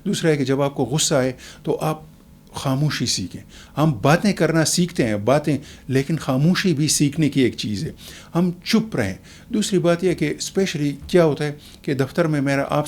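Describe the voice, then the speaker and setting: A man, a guest on a talk program, explaining calmly in a measured, lecturing way with everyday examples. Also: a little high. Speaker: expert guest. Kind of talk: explanatory talk show answer.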